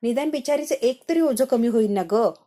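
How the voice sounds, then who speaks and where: A woman's voice: a little high, fairly quick, close to an everyday voice. A woman voicing a caring middle-aged mother-in-law who comforts a crying daughter-in-law, in a spoken serial recap. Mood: comforting. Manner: gentle, comforting.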